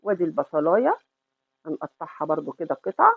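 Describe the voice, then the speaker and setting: Fast-talking Egyptian woman cooking host, tinny. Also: low-pitched, big pitch swings, vocal fry, husky, no room sound. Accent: Egyptian Arabic. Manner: affectionate, calls the viewer sweetheart, asks and answers her own questions. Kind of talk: chatty home cooking tutorial.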